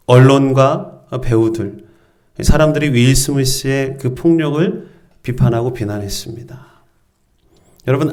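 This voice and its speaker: A man's voice: mid-range voice, darkish tone. A middle-aged male pastor preaching a sermon, telling a story with emphatic, varied delivery.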